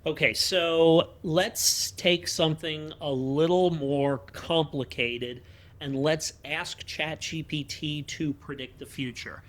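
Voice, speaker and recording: A man with a fairly high speaking voice talks through tax questions on a podcast. He explains things plainly, with a dry, wry edge. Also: fairly even intonation, takes it slowly, a bit bright. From United States. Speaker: podcast host, tax advisor. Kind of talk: casual podcast talk.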